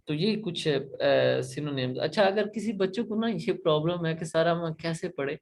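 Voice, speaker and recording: A man with a Pakistani accent teaching an online class, explaining patiently, repeating points and often checking that students follow. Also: fairly high pitch. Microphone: laptop.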